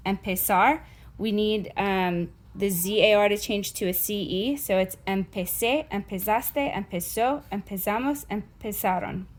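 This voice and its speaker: A woman's voice: medium pitch, a little slow. A woman teaching a recorded Spanish lesson, mixing Spanish phrases into her English explanations and often checking in with a reassuring "okay?".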